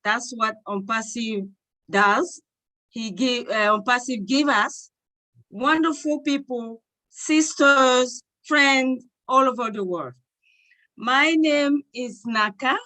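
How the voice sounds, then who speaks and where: A woman from Togo, co-hosting an online panel, speaking with excitement and many halting fillers. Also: fairly high pitch, low-quality recording. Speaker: co-host.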